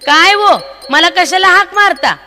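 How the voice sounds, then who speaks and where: A woman voicing a practical village farmer's wife and mother, talking loudly and with animation, in a hall with long reverb and faint music behind. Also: extremely high pitch, a little slow, pitched above the performer's own voice, heavily acted. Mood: bustling.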